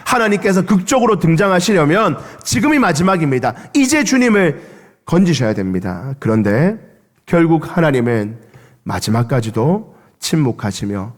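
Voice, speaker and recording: A male pastor delivers an impassioned Sunday sermon, his voice sitting higher than a usual man's. He swings from high, pressing climaxes to low, hushed drops and calls the congregation to read along. The sound carries the long reverb of a church sanctuary. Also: very animated, normal speed. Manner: impassioned, with dramatic swings of pitch and level; leads the congregation in reading aloud.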